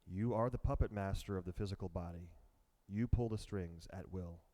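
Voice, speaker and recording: A man with a lowish, mellow voice leads a guided meditation. He talks slowly and softly, in calm, measured instructions. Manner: slow, calm and soft-spoken. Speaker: meditation teacher.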